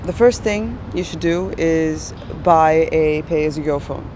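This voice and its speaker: A woman from Brazil, a PhD candidate, speaking haltingly in an interview with frequent hesitations. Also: low-pitched, background noise. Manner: halting, with many "uh" pauses. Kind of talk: interview testimonial.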